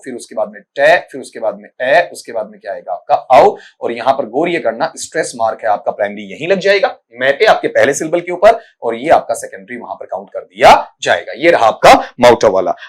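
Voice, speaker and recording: Guy teaching english for exam prep, kinda high voice, patient, repeats sounds one by one, keeps saying beta. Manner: patient, explanatory, calls students "beta", frequent "thik hai" check-ins. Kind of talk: recorded exam-prep lesson.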